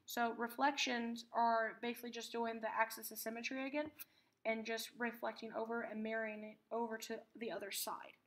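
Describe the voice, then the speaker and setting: A woman teaching a math lesson, patiently explaining terms and repeating key words slowly for emphasis. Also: on the high side, little pitch movement.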